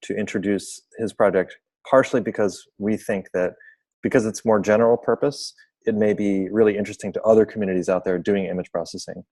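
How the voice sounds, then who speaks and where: A man's voice: on the low side, fairly even intonation, fairly quick, darkish tone. A man hosting an online seminar over a video call, explaining projects informally and apologizing for glitches. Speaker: seminar host.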